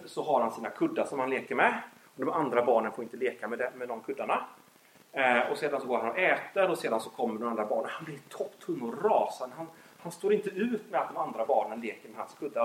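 Animated man telling a faith story. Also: mid-range voice. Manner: animated storytelling, acts out scenes. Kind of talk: faith talk with personal story. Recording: echoey room.

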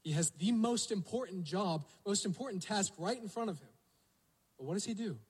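A man's voice: sits high, expressive, moderate pace, breathy edge, rough recording. A male pastor preaching a sermon, telling the story vividly and asking the congregation rhetorical questions.

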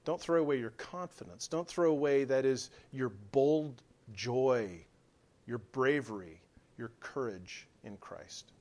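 A male pastor preaching a sermon, earnest, shifting between hushed lines and emphatic exhortation. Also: mid-range voice, lively intonation, slow pace.

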